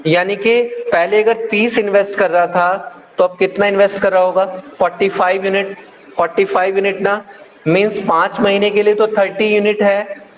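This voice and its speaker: A man's voice: high voice, level tone, normal speed, lo-fi sound. A man with an Indian English accent teaching a maths class online, calling students "beta" and answering his own questions patiently.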